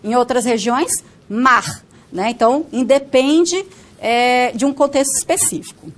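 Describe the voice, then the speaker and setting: A woman's voice: fairly high pitch, normal speed, darkish tone. A woman with a northern Paraná Brazilian accent giving a recorded phonetics lecture, explaining step by step and often checking in with tag questions. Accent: Brazilian Portuguese, northern Paraná. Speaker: phonetics teacher.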